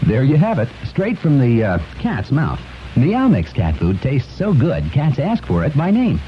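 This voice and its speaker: A man delivering a chipper, playfully polished sales pitch as a retro commercial announcer. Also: huge pitch swings, measured pace, noisy background. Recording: dull lo-fi radio ad with music.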